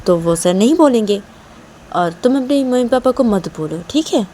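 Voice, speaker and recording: A woman voicing a calm young woman who gently coaxes and advises a friend. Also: fairly high pitch, moderate pace, a little hiss or hum, voice pushed up, natural voice. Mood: coaxing. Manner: soothing, coaxing.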